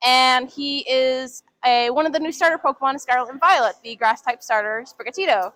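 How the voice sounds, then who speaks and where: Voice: sits high, a little fast, sharp tone, no room sound. A cosplayer giving a casual, conversational interview as a guest at a fan convention.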